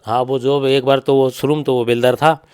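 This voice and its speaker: This is a grieving middle-aged father with a Haryanvi accent, testifying in an interview with insistence, repeated phrases and reported speech. His mid-range voice is smooth and slightly mellow, brisk in pace, and barely shifts in pitch.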